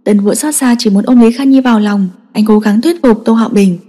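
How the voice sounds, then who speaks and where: A woman narrating a dramatic story in a steady, emotive reading. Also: on the high side, a little fast, husky. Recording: long echoing reverb.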